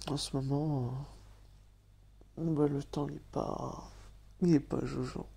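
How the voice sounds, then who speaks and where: A man with a nasal, slightly hoarse voice, speaking softly and hesitantly in a whispered role-play. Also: on the high side, steady tone, slow pace. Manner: hesitant, soft, apologetic, with many fillers and soft laughs.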